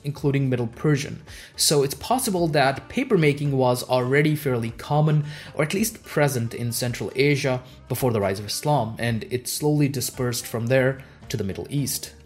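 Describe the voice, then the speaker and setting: A native Urdu speaker with a mid-range voice delivers a measured, scripted history narration, putting stress on the transition words.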